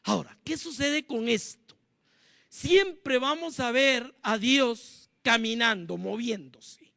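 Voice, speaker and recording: Male preacher, bright and sharp in tone, dry close sound, emphatic sermon delivery. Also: very high voice, takes it slowly, creaky, no room sound. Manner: emphatic preaching, rhetorical questions to the congregation. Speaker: pastor.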